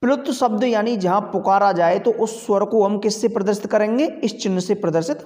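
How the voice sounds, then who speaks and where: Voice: mid-range voice, fairly quick, a little mellow, big-room sound. A teacher giving a Sanskrit grammar lesson, explaining step by step, asking the class questions and answering them, and stretching out sounds to demonstrate.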